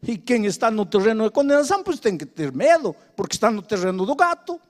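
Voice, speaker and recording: High-voiced older male preacher. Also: very animated, fast, big-room sound. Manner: emphatic, repetitive preaching with dramatic storytelling. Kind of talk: sermon.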